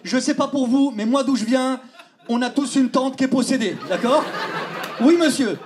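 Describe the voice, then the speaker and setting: A young man telling a stand-up story on stage, animated, acting out voices and sometimes shouting. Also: very high-pitched, moderate pace. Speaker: stand-up comedian. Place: theater stage before a live audience. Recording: live show with loud laughing crowd and noise.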